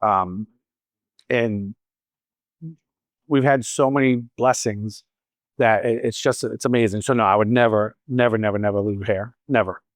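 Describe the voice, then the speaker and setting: His voice is on the low side, with a steady tone, an unhurried pace and long pauses, and there's no echo. A man in his fifties from Boston with a slight accent, he speaks as a salon owner at a training event. He answers audience questions casually and tells stories with wry asides.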